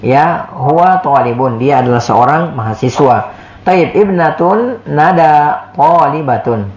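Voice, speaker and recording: A man's voice: fairly high pitch, animated, measured pace, a little mellow. A man teaching Arabic in a classroom lesson, explaining patiently, repeating words and often checking with "ya". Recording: echoey, dull lo-fi room recording.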